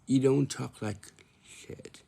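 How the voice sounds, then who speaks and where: A man's voice: mid-range voice, fairly even intonation, slow, vocal fry, mellow. A man in his twenties talking casually to the camera, repeating himself and answering his own questions. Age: 20s. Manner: repetitive, asks himself questions and answers them.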